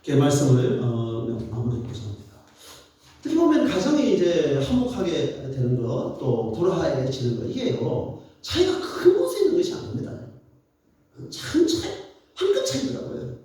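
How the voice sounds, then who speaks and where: A man preaching a sermon as pastor, telling playful stories in an animated way. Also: fairly high pitch, normal speed. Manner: animated, playful storytelling with laughs. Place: church. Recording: echoey church hall, mic at a distance.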